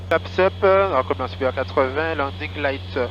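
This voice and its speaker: A male pilot talks through checklists and calls in a cockpit. His voice is a bit high, and the audio is dull with a light layer of engine noise. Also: moderate pace, a bit bright. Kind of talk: calling out flight checklists and radio calls. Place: small aircraft cockpit in flight.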